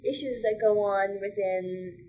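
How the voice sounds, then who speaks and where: A woman's voice: medium pitch, unhurried, warm tone, a little hiss or hum, rough recording. A woman stand-up comedian chatting casually as a podcast guest, talking loosely with lots of "like" fillers and frequent laughter.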